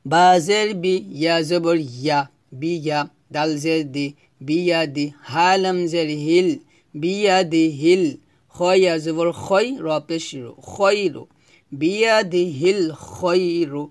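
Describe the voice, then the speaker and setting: Man slowly spelling out syllables. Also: fairly high pitch. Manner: slow, drawn-out syllable-by-syllable recitation, repeating for students to follow. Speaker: Quran reading teacher. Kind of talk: spelling out Arabic syllables for learners.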